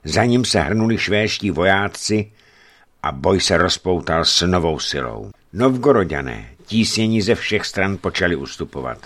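A man reading a story aloud as an audiobook narrator, in an expressive storytelling manner. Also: low voice. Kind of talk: scripted narration.

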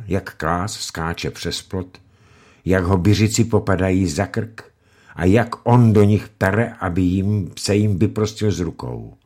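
A man narrating a story as an audiobook, expressive in his delivery. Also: deep voice, husky. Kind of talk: audiobook reading.

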